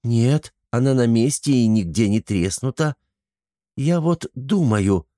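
A man's voice: mid-range voice, animated, slow, dark tone, no room sound, clean studio sound. A man voicing a naive, eager young peasant girl serving as a squire, earnest and easily confused. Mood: hurt. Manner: earnest, bewildered, literal-minded.

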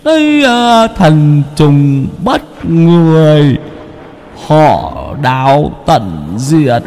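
A man voicing a possessed crippled young man who taunts in a slow, eerie, drawn-out way. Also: fairly high pitch, a little mellow, clear, resonant tone, in a large hall, pitched above the performer's own voice. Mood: eerie taunting.

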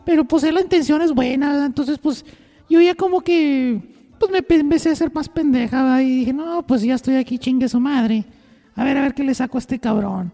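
A woman's voice: sits high, a little fast, mellow. A woman with a Mexican accent telling a crude, profane comic story on the radio, rambling and full of slang. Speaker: on-air storyteller. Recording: reverberant studio with faint music.

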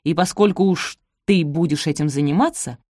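A woman's voice: moderate pace, darkish tone, dry recording, studio quality. A woman voicing a haughty middle-aged stepmother who snaps and barks orders in an audiobook. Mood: commanding. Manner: snapping, shrill and imperious.

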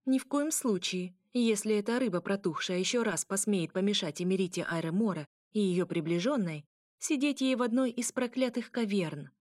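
A woman voicing a brash young noble mermaid woman, loud and commanding, laughing often. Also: medium pitch, moderate pace, no room sound, studio quality, lightly acted. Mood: boisterous.

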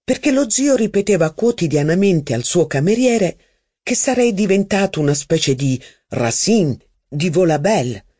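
Narrator for a literary audiobook: animated, varied intonation, dry close studio sound. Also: medium pitch, dry recording. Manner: expressive, measured reading with lively phrasing.

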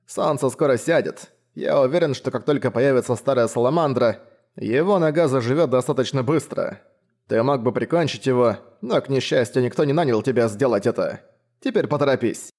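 A man voicing a hoarse, blunt companion with a dry, mocking manner in an audiobook. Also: mid-range voice, fairly quick, a little mellow, natural voice. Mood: sardonic. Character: hoarse, sardonic male companion voice, blunt and practical. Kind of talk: audiobook reading.

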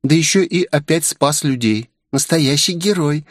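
A man's voice: on the high side, a little slow, dry recording, studio quality, pitched above the performer's own voice, close to an everyday voice. A man voicing a cunning, playful young girl in an audiobook. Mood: sly sweet. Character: sly, sweet young girl.

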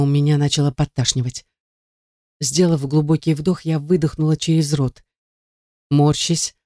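A narrator reading a first-person novel in a steady, even way. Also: medium pitch, no echo, studio quality. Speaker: audiobook narrator.

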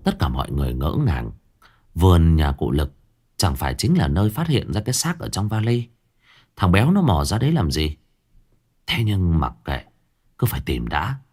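Lively low-voiced storyteller. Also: male voice, normal speed, pauses often, husky. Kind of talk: scripted ghost story narration.

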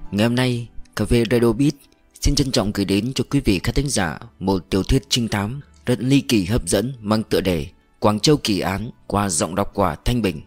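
A man narrating a mystery novel as an audiobook reader, in a calm, steady storytelling manner. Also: on the low side, normal speed, faint music behind.

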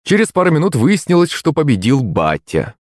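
A man narrating an audiobook with expressive storytelling. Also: a little high, fairly quick, no echo, studio quality.

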